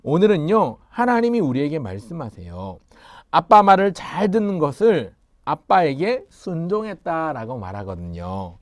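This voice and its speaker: A man's voice: a little high, big pitch swings, normal speed, dry recording, studio quality. A man preaching to young children in a sermon, leading call-and-response and asking them questions. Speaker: pastor.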